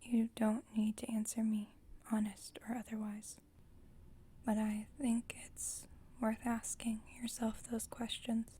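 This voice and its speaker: A woman whispers gently and reassuringly in an ASMR roleplay, voicing a calm, formal, caring vampire coven leader. Her breathy, measured whisper sits on the high side.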